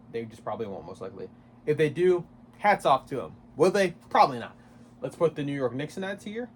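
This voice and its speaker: A man's voice: mid-range voice, a little hiss or hum. A man vlogging about basketball, rambling casually, swearing and correcting himself as he goes. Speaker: basketball YouTuber. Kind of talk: casual sports commentary vlog.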